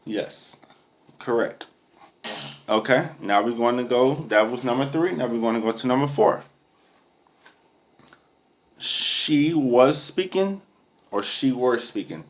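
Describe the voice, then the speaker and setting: A woman's voice: rumbling low, lively intonation, slow, pauses often, exaggerated voice. A woman playing a patient but firm schoolteacher who drills grammar and scolds a pupil for laughing at classmates. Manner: patient, corrective, lecturing on humility. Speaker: teacher. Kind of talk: comedy skit acting.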